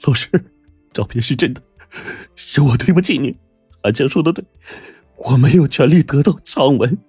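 A man's voice: fairly low pitch, fast, darkish tone, slightly rough, no echo, soft background music. A man voicing a polite, guilt-ridden young doctor who speaks earnestly. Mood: contrite. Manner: earnest, apologetic.

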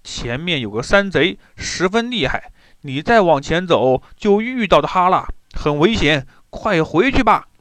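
A man's voice: sits high, very animated, unhurried, a bit bright, no echo, exaggerated voice. A man doing an earnest, worried general. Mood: urgent warning. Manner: urgent, earnest.

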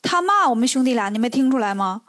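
A woman's voice: on the high side, animated, fast talker, fairly bright tone, no room sound, studio quality. Woman doing a brash, mocking monkey king. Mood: scornful. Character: boastful, quick-tempered male monkey king disciple.

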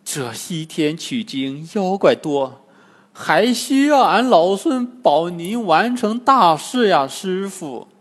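A brash storybook monkey king , as a man puts him on, shrill and forceful. The voice is high and swoops around a lot, and every line rings out in a long hall reverb. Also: big pitch swings, takes it slowly, full character voice. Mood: pleading. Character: brash heroic male monkey king disciple.

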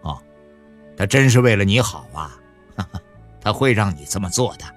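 A man's voice: on the low side, expressive, normal speed, faint music behind, pitched below the performer's own voice. A man reading a novel aloud and voicing a blunt, conflicted farmer who stammers. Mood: pleading. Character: middle-aged farmer man, blunt, torn over divorce.

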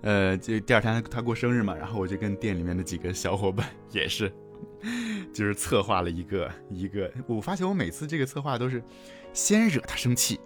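Low-voiced man telling stories quickly. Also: faint music behind. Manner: animated storyteller, laughs often. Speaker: podcast co-host. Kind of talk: casual podcast chat.

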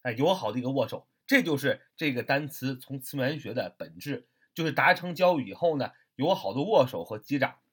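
A man's voice: medium pitch, lively intonation, a little fast, few pauses, fairly bright tone, breathy edge. A man teaching English vocabulary in a chatty way, spelling words out letter by letter and asking rhetorical questions. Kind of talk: lively vocabulary lesson.

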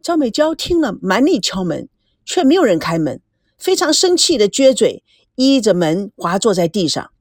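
A woman host narrating a serialized story in an expressive, animated storytelling manner. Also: mid-range voice, moderate pace, no echo, clean studio sound.

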